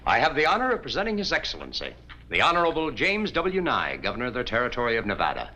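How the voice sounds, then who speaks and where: A bright, animated loyal friend, earnest and ceremonious. The sound is a muffled vintage TV soundtrack. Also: male voice, medium pitch, fast, slight background noise. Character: loyal friend announcing guests, formal. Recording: dull 1950s TV soundtrack.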